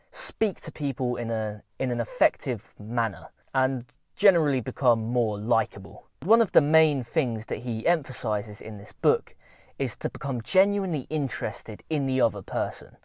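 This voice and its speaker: A man's voice: medium pitch, darkish tone, dry recording, clean studio sound. A young man talking casually to camera, giving earnest, informal self-improvement advice.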